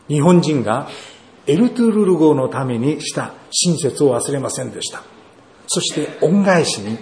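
A pastor preaching a sermon and reading scripture, asking rhetorical questions in a measured way. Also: male voice, mid-range voice, a little mellow. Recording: roomy echo, faint ambience.

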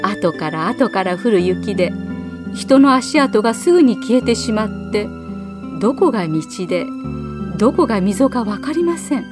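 A woman narrating a children's story aloud in a gentle, measured read-aloud manner. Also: medium pitch.

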